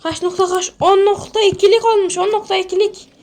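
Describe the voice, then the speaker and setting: High-voiced woman, excitable game commentary. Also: brisk. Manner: excitable, panicky exclamations. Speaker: gaming video creator. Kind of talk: role-played commentary over a sandbox game.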